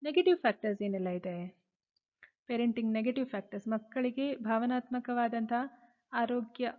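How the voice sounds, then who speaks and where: A woman teacher giving a lecture, reading English points aloud and then explaining each one in Kannada. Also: a little high. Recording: phone-like narrow sound.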